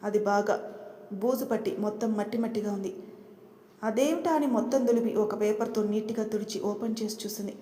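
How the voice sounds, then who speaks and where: Mellow woman narrating a story in an echoey room. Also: mid-range voice, moderate pace. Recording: roomy with long reverb.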